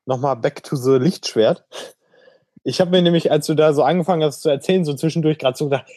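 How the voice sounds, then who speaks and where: A man's voice: medium pitch, dark tone, no echo, studio quality. Blunt, coarse-talking man on a podcast. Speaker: podcast co-host. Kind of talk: casual podcast chat.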